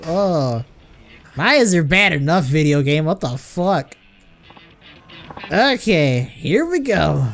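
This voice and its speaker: A man's voice: on the high side, very animated, takes it slowly, gravelly, a bit bright, soft background music. Casual man laughing through a let's play. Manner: casual, laughs and swears at the game. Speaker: gaming video creator.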